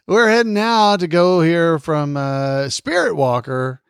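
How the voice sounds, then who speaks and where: A man's voice: fairly high pitch, lively intonation, slow, creaky, clear, resonant tone, dry recording, studio quality, exaggerated voice. A man hosting a podcast, chatting casually in a joking, playful way. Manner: joking, playful self-praise. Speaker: podcast host.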